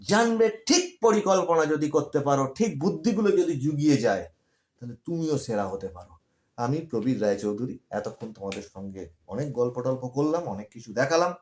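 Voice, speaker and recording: Lively male tutor, echoey. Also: on the high side, brisk. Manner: lively, coaxing, repeats points and asks "ঠিক আছে?". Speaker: online tutor for school exams. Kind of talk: encouraging study-advice talk to students.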